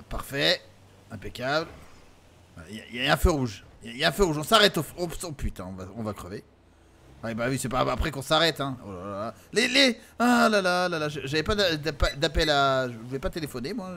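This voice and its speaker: A man playing his role-play character in a driving game, panicky and quick to swear. His voice sits high and bright, jumping all over the place. There is a gravelly edge and a faint hiss behind it. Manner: excitable, panicky, swears a lot.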